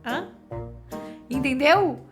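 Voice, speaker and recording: Uma comentarista de fofoca que fala direto com o público, sarcástica e desbocada. A voz é um pouco aguda, e uma trilha musical alta toca por baixo de tudo. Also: female voice, high-pitched, animated, very slow, over music. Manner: sarcastic, swearing, addressing viewers directly. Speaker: gossip commentator. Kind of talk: reaction commentary.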